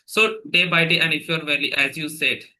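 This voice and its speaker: A man with an Indian accent talks through ideas in a very bright, sharp voice, checking in with "right?" as he goes. He is an English trainer in a relaxed podcast conversation. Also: a little high, fairly quick, low-quality recording. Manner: chatty, explains with examples and frequent "right?" tags.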